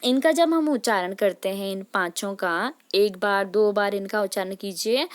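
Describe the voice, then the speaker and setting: A woman's voice: medium pitch, normal speed. A woman teaching a lesson to children, patient, often checking in with questions and asking them to say sounds aloud with her. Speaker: Hindi teacher. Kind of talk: classroom lesson.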